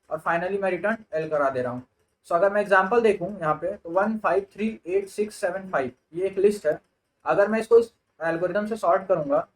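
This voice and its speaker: A man's voice: high voice, poor audio. A young man with an Indian accent teaching sorting algorithms, explaining each step and thinking aloud as he goes. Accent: Indian English. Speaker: computer science tutor. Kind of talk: lecture on sorting in Hindi-English mix.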